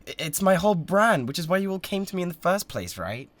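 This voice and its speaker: A British man with a high-pitched, somewhat bright voice talks fast with big pitch swings while playing a bratty, obsessive yandere livestreamer in a dramatic audio roleplay. Addressing viewers, he comes across as theatrical, stammering, defensive and smug.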